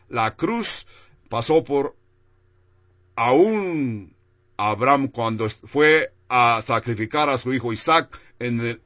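A man preaching a sermon at an unhurried, measured pace, his voice climbing for emphasis and sinking low on key phrases. The sound is dry and close, with a slightly dull, muffled quality. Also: a bit bright, no echo.

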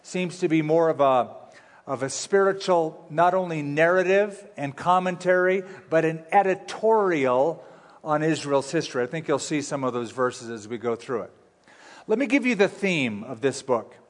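A long reverb of a large hall surrounds a man's somewhat high voice. He preaches at a pulpit microphone as a pastor, explaining scripture in a conversational, teaching style. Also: normal speed. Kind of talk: sermon, expository Bible teaching.

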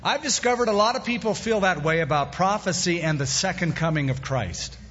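In an echoey church sanctuary with a dull lo-fi recording, a man preaches at the pulpit mic with a high, expressive, husky voice that is fairly bright and a little fast. He talks to the congregation conversationally, dropping in plain-spoken asides.

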